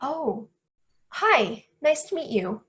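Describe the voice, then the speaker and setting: Friendly geeky schoolgirl played by a woman, higher pitch, casual and self-deprecating, table-read drama. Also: sing-song, takes it slowly, dull audio, full character voice. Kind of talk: amateur play reading.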